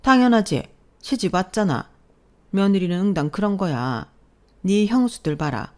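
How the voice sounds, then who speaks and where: A woman's voice: mid-range voice, expressive, normal speed, pitched above the performer's own voice, natural voice. A woman voicing an older mother-in-law in a radio drama, harsh and commanding as she scolds her family. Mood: scolding.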